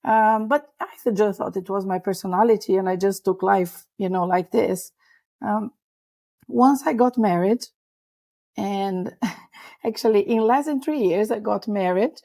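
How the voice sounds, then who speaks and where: A middle-aged woman from Brazil, guest on a podcast, hoarse from a cold and talking in a chatty, rambling way. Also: mid-range voice, a little mellow. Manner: chatty, rambling with many fillers. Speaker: ADHD coach, guest. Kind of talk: podcast interview.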